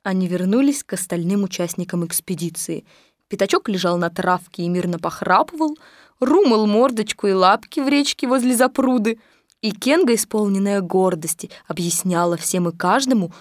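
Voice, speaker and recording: A woman narrating a children's storybook aloud with an expressive, even-paced reading. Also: medium pitch, normal speed, no room sound, studio quality.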